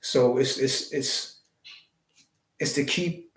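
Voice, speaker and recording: A man's voice: medium pitch, slow. Preachy man musing in a roomy echo. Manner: preachy, wordplay, rhetorical questions. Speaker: live stream host. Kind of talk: spiritual monologue.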